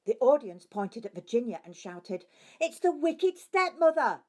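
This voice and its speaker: Theatrical pantomime actress witness, played by a woman, high-pitched. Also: lively intonation, moderate pace, a little mellow. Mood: dramatic.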